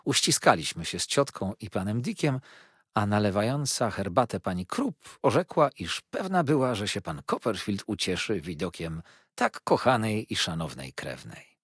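Husky, low-voiced male narrator. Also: very animated, normal speed, fairly bright tone, no room sound, clean studio sound. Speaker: audiobook narrator. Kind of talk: scripted novel narration.

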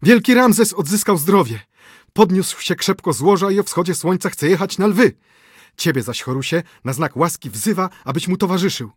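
An ecstatic male messenger bursts out in high, piercing exclaims, as a man reads him. The voice is husky and close, in a dry room with no echo. It fits an audiobook. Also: animated, normal speed. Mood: jubilant. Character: excited male temple messenger bearing news. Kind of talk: audiobook character voice.

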